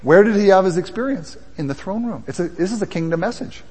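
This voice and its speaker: A male pastor preaching a sermon to his congregation in a church hall, building from quiet, low passages to loud, impassioned ones. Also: animated, fast talker, husky. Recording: long reverb of a hall.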